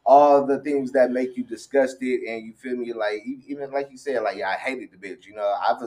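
A man's voice: mid-range voice, steady tone, moderate pace, darkish tone. An American man in casual conversation as an interview guest, speaking in slang and often checking that the listener follows. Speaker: cameraman and performer being interviewed. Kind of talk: casual chat.

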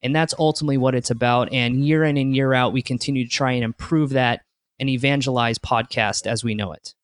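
A man's voice: mid-range voice, steady tone, a little fast, dry recording. Earnest man, dry close sound. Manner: earnest, upbeat, many restarts. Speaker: podcast co-host, interview guest. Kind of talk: conversational interview answers.

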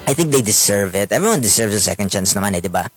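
A man's voice: on the low side, lively intonation, quick pace, husky, faint music behind. A man with a Filipino accent giving casual relationship advice, mixing Tagalog and English and ending lines with questioning asides.

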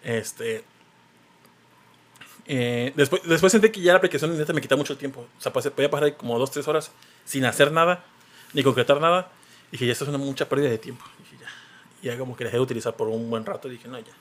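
Rambling Mexican podcast host. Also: male voice, mid-range voice, fast talker. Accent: Mexican Spanish. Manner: rambling, full of fillers and restarts. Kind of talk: casual podcast chat.

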